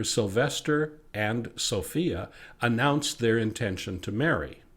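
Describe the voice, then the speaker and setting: A man with an American accent reading scripted local history narration. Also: lowish voice.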